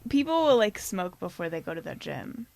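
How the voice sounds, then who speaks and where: Gravelly-voiced woman telling jokey stories. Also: on the low side, normal speed, dry recording. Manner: jokey, self-mocking, animated storyteller. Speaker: podcast co-host, acting teacher. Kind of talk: casual podcast chat.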